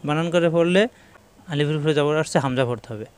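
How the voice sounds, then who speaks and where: A man teaching an online Quran lesson, spelling words letter by letter and chanting slow examples. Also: fairly high pitch, clean tone. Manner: chants the call to prayer slowly in demonstration.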